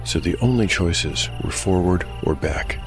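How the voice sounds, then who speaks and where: This is a dark fantasy tale told by a man with a deep voice who serves as game master. Quiet music sits under his steady, scripted narration.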